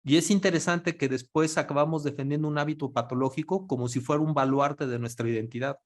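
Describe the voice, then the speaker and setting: On a video call, a man speaking as a panelist tells a story conversationally in a fairly high voice at a fast clip. He quotes other people in lively voices as the online panel discussion goes on.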